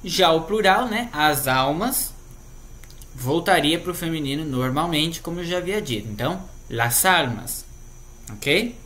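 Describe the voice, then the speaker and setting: Bright-voiced Brazilian man teaching grammar. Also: fairly high pitch, expressive, measured pace. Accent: Brazilian Portuguese. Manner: patient, explanatory, tags sentences with "né?". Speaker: Spanish teacher. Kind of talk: explaining grammar lesson.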